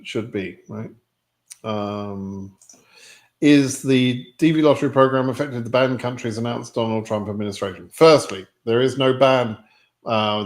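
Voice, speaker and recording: British man in his sixties, plainspoken. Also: fairly low pitch. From United Kingdom. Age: 60s. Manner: rambling, frequent ums and restarts, frank and plainspoken. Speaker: immigration lottery advisor hosting a live stream. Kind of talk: live stream Q&A, reading viewer questions.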